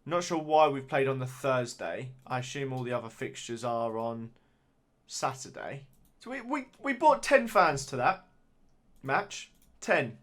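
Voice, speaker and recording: A man's voice: medium pitch, lively intonation, unhurried, a bit bright. Man musing over a football sim. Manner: musing, hesitant, with frequent fillers and restarts. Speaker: gaming YouTuber. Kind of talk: casual gameplay commentary.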